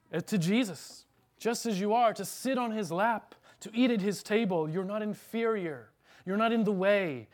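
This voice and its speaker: A man preaching an earnest, emphatic sermon as pastor, then leading a prayer in church. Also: high-pitched.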